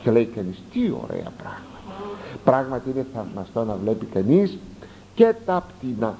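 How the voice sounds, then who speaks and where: A man preaching a sermon, reading passages aloud and explaining them with lively asides and sudden rises for emphasis. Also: medium pitch, a little hiss or hum, poor audio. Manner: animated, rising sharply for emphasis, explanatory asides. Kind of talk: sermon expounding a text.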